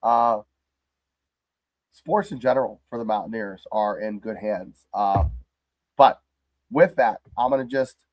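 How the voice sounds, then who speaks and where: A man hosting a casual live sports chat show, his voice hoarse and crackly from the flu, talking in a rambling, jokey way. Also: on the low side, unhurried, long pauses, no echo, muffled recording. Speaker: host.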